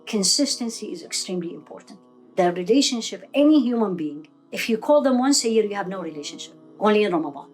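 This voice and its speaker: A woman's voice: medium pitch, lively intonation, fast, a little mellow, soft background music. Earnest middle-aged woman teacher from Iraq. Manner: earnest, builds points with rhetorical questions. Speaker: guest speaker, Islamic teacher. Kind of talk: religious advice in an interview.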